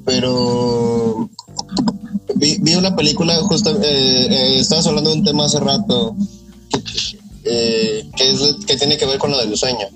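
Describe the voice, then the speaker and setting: A man with a Mexican accent talks as a podcast host in an informal, slangy way. His voice sits at an average male pitch. Faint guitar music plays behind him. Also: a little slow, rough recording. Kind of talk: casual chat.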